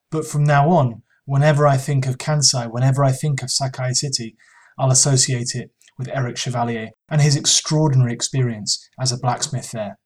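A man hosting a podcast, interviewing a guest and then reflecting on the conversation in an earnest, measured way. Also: medium pitch. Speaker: podcast host.

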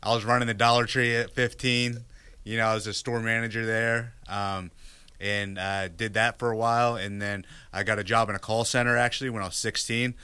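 A man's voice: lowish voice, flat delivery, a little fast, bright, forceful tone, clean tone, no echo. A man in his thirties from Virginia, a guest in a casual interview, speaking candidly with many fillers and restarts. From Virginia, United States.

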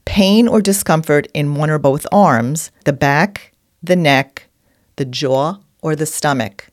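Female, New York accent, low-pitched, dry sound, conversational health podcast co-host. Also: measured pace, no room sound.

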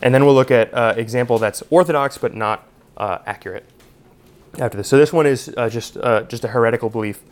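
A man teaches a Bible study class in unscripted, conversational fashion, filling his talk with "you know" and "uh". His voice is mid-range and a little fast.

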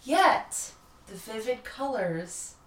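Slow yet very animated, a woman with a fairly high, slightly bright voice co-hosts a podcast, trading casual, jokey stories about local history. The recording sounds roomy and echoey, with her far from the mic.

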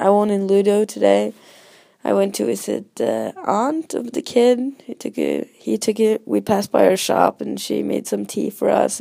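A woman with a very gravelly, fry-laden voice, hoarse from a cold, chats informally as a travel vlogger. She is a non-native English speaker and rambles hesitantly in a mellow tone, recorded close and dry. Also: mid-range voice, dry recording. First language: not English. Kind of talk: casual talk to followers.

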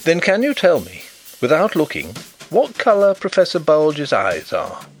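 A man voicing a calm, soft-spoken amateur detective with a dry manner. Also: fairly high pitch, measured pace, faint music behind, voice pushed up. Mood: sly. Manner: quiet, dry.

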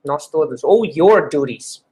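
A woman, teaching an English lesson and slowly repeating each phrase with chatty asides. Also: sits low, expressive, warm tone, slightly rough. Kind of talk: explaining an online language lesson.

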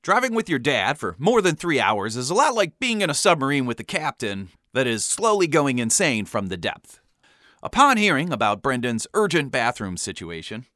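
A man from the Midwest telling a funny family story with deadpan, exaggerated asides. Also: mid-range voice, dry recording, clean studio sound. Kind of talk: comic storytelling.

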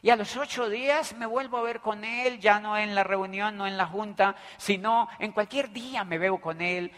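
A man with a Colombian accent giving an animated motivational talk, telling stories and acting out the dialogue. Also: high-pitched. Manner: animated, tells stories acting out dialogue, keeps asking "do you understand me". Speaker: business motivational speaker. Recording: echoey hall reverb.

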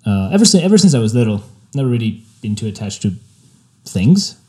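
A man's voice: medium pitch, fairly quick. A young man with a French accent, a photographer being interviewed, talking casually and reflectively with frequent fillers. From Spain. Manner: relaxed, laid-back and reflective, with frequent fillers. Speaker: photographer guest.

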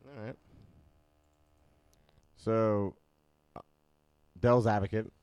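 A man's voice: lowish voice, flat delivery, slow, a little mellow, smooth, no room sound, muffled recording. A man in casual podcast chat about movies, easygoing and hesitant, with frequent ums.

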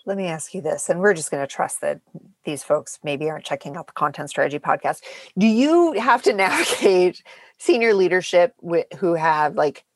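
A woman hosting a podcast interview, asking her questions in a lively, joking, animated way. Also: lowish voice, normal speed, dry recording. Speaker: podcast host. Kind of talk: casual interview chat.

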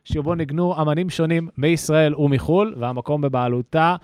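In a recording studio with no room sound, a male podcast co-host tells a story in casual chat, full of fillers and slang. His voice is on the high side and darkish, with fairly even intonation.

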